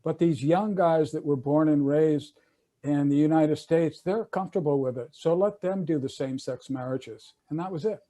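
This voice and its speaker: Speaking on a video call, an older attorney and panelist loosely recounts legal history with frequent fillers and restarts. His male voice is dark in tone yet pitched on the high side.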